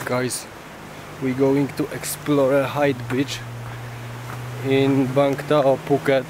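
Holding his camera at an outdoor tourist spot, a vlogger who owns the channel talks casually in relaxed, unpolished English, adding chatty tour-guide asides. His medium-pitched voice moves slowly, with background noise behind it.

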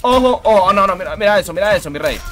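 A man streaming a fighting game, commenting excitedly and greeting his chat by name, speaking with vos. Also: high voice, rapid-fire, slight background noise. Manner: excitable, calls viewers bro and rey, greets chat by name. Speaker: gaming streamer.

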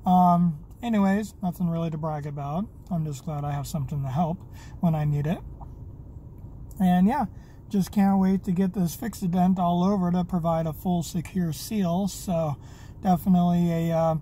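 A man's voice: sits high, fairly even intonation, normal speed, mellow, a little hiss or hum. A man giving a casual, rambling video update while wearing dentures, with many fillers. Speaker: vlogger.

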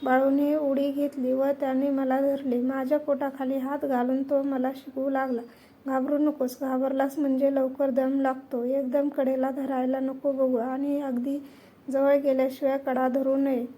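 Female storyteller, high mellow voice, reads aloud in an even, unvarying tone. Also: a little slow. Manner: steady first-person storybook reading with quoted dialogue.

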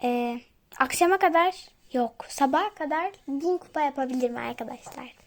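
A woman hosting a gaming channel, chatting excitably to her viewers as she plays. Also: sits high, normal speed, slight background noise. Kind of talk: casual gameplay commentary.

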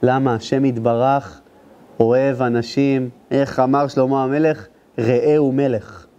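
A rabbi giving an emotional storytelling sermon to a live audience, speaking to the listeners directly and rising into intense high cries at the story's climaxes. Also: male voice, steady tone, dark tone, muffled recording. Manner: addresses the audience directly, urging them to listen. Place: live lecture before an audience.

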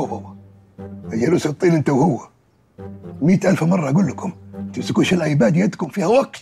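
كبير بلد صعيدي سريع الغضب. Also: male voice, high voice, creaky, a little mellow, exaggerated voice. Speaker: village headman, father. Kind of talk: sitcom acting.

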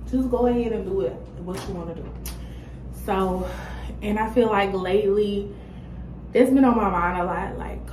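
A young adult woman chatting casually to the camera as she vents, halting and reflective, at home. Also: mid-range voice, dark tone. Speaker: vlogger. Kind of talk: casual chat, venting to camera. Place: small room at home, indoors. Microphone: phone or laptop at arm's length. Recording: roomy echo, clear background noise.

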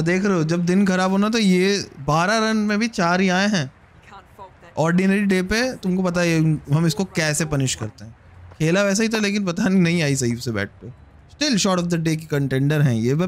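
A young man from India with a fairly high voice streams a cricket video game. He talks in a loose, chatty way, reacting to each shot and speaking to the viewers and the players on screen. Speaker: gaming streamer. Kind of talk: casual game commentary.

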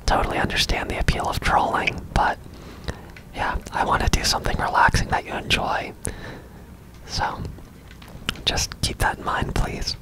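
A person whispering softly and casually in a breathy, unvoiced voice as an ASMR gaming host. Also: normal speed, pauses often, low-quality recording. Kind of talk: whispered ASMR game commentary.

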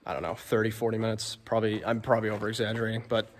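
A man's voice: fairly low pitch, fairly even intonation, rapid-fire, slight background noise. Young man vlogging in an echoing cavern. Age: young adult. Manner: chatty, amazed, lots of fillers. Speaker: explorer vlogger. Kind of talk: casual exploring vlog. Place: abandoned stone quarry cavern. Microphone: phone held at arm's length. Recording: long cavern reverb.

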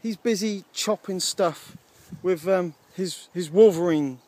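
A man in his thirties, vlogging from a lakeside wild camp on a handheld camera at arm's length, speaks in a high, warm voice and takes it slowly, with no room sound audible. He is upbeat and rambling, with ums coming often.

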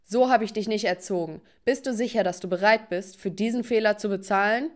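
A woman's voice: medium pitch, fairly quick, natural voice. A woman voicing a stern, angry father who scolds and disowns his daughter. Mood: angry scolding. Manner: scolding, harsh.

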